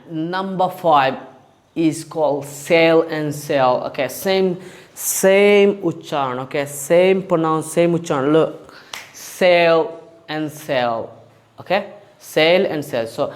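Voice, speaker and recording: A man with a Bangladeshi accent giving a casual video lesson as an English teacher. He switches between two languages mid-sentence, keeps asking "okay?", calls the listener "my friend", and slowly repeats each word pair. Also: on the high side.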